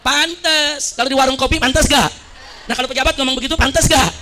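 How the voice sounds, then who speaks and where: A man's voice: extremely high pitch, steady tone, a little fast, background noise. A middle-aged man preaching to a women's study gathering, rousing them with a stream of rhetorical questions. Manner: rousing, fires rhetorical questions at his audience. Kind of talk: fiery sermon.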